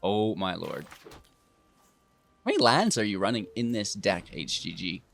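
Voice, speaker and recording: A man's voice: lowish voice, sing-song, unhurried, gravelly, a bit bright. A man giving casual, playful commentary over his own card game, teasing his opponent as he plays. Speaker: gaming video host.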